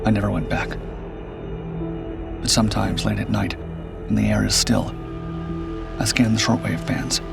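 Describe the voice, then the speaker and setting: With his intonation kept very even, a low, gravelly, fry-tinged male voice reads a scripted first-person suspense story gravely and deliberately. He is a horror story narrator, and music is clearly heard in the background.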